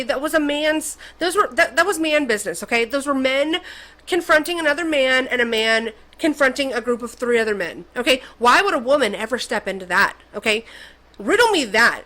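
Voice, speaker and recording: A woman host delivering an opinionated commentary rant in a bright, forceful voice that sits a little high. Her tone is sarcastic and mocking, and she keeps punching her points with "okay?". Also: rough recording.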